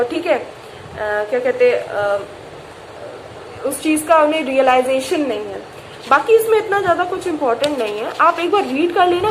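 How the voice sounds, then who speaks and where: A young woman teaching a poem in a relaxed way, explaining step by step with fillers and frequent checks for understanding. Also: high voice, slight background noise, rough recording. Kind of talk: casual poetry lesson in Hinglish.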